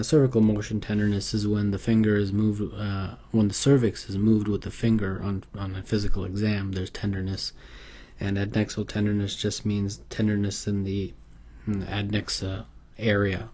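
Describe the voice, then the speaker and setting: A man whose warm voice sits on the low side, with little pitch movement and a normal pace, delivers an unscripted medical exam tutorial over slides. He hesitates a lot, using many fillers and restarts in this instructional lecture.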